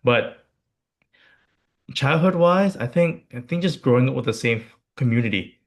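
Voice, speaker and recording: A man's voice: medium pitch, animated, moderate pace. A young man in his twenties from Hawaii, co-hosting a podcast in a candid, joking way and often repeating his points. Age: 20s. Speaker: podcast co-host. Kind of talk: casual podcast chat.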